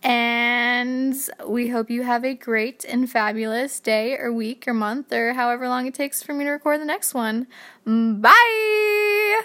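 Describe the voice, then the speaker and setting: A young woman hosting a casual podcast, chatty and playful, quick to react. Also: fairly high pitch, steady tone, fairly bright tone. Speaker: podcast host. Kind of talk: casual chat.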